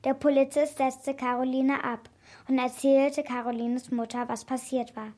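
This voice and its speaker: A woman with a high voice reads a children's story aloud. Her reading is clear and expressive, and she keeps a steady storybook rhythm. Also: a little slow.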